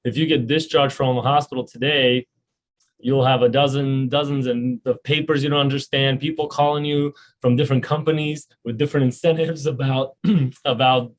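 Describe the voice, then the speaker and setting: A man in his thirties speaks as a guest on a podcast. He talks earnestly and at medium pitch. He restarts often and fills his pauses. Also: fairly even intonation. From Romania. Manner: earnest, many restarts and filler words. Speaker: health insurance company founder and CEO. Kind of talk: podcast interview.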